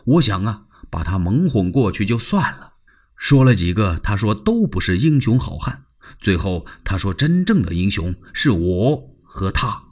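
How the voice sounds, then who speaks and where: A male storyteller voicing a cautious, worried eldest sworn brother who hushes and placates his younger brothers. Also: fairly low pitch, big pitch swings, unhurried, slightly rough, exaggerated voice. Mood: anxious.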